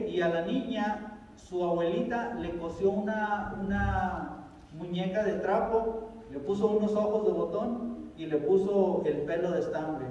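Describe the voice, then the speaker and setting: Man, storytelling preacher, high voice, distant mic. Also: mellow. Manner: conversational, asks the audience questions. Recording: echoey hall from far off, dull sound.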